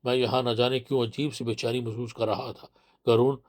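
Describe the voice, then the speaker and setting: A man narrating a horror novel in a steady, measured reading voice. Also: medium pitch.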